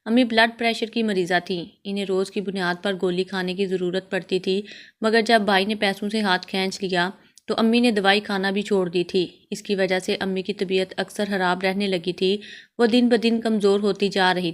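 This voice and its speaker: A woman reading a first-person moral story in a steady, even way. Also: mid-range voice. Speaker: story narrator.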